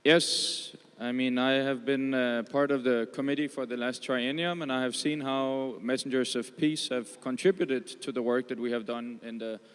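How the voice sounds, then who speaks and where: Young man, smooth voice, hall echo. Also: mid-range voice, steady tone. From Netherlands. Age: young adult. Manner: measured, with fillers. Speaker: youth advisor. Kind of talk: panel talk. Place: large conference hall. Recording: echoey conference hall.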